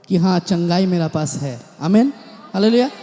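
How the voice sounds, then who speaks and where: A man's voice: high-pitched, expressive, moderate pace, warm tone. A male pastor preaches a sermon in a church, often breaking into amen and hallelujah and mixing in English words. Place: large church hall. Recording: echoey church hall with long reverb.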